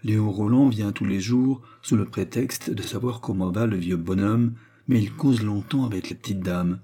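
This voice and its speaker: A man voicing a male servant spy reporting plainly, in a low, husky voice. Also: normal speed, warm tone. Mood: matter-of-fact.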